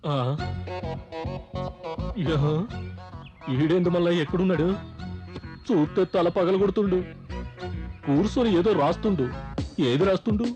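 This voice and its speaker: A man's voice: high voice, a little slow, long pauses, warm tone, soft background music. An actor playing a whiny rustic man who complains a lot. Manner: whining, complaining.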